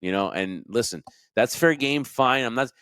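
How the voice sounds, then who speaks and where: A man co-hosting a podcast, chatting casually about wrestling in a rambling, animated way. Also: mid-range voice, normal speed, clean tone, dry recording, clean studio sound. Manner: animated, rambling, laughs often. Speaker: podcast co-host.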